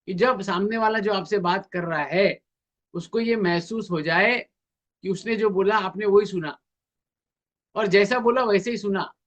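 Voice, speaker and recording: A man's voice: high-pitched, measured pace, a bit bright. A man speaking in a webinar on communication skills, acting out both sides of everyday conversations to make his points. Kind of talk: webinar talk.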